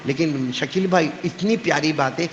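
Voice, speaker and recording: A man's voice: on the high side, dull audio, slight background noise. A male preacher telling a story in a sermon, calling on the gathering to answer him. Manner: lively, calls on the audience to answer. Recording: echoey hall with long reverb.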